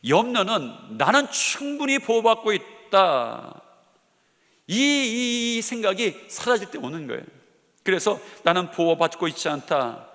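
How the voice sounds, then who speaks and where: A middle-aged senior pastor preaching a sermon, with emphatic rhetorical questions, in a large church sanctuary. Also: male voice, high voice, bright, forceful tone. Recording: long hall reverb of a church.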